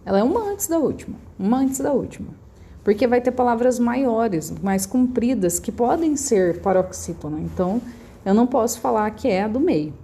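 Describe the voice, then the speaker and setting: A woman's voice: on the high side, lively intonation, moderate pace, mellow, husky. A Brazilian woman teaching a primary class from her phone, patiently repeating key points and checking that the children follow. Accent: Brazilian Portuguese. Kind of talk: recorded remote class explanation.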